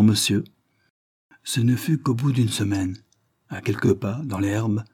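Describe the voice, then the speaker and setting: A man narrates a literary short story with measured, expressive pacing. His voice sits low and has a slightly husky grain, and the recording sounds dry and close. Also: no room sound. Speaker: audiobook reader.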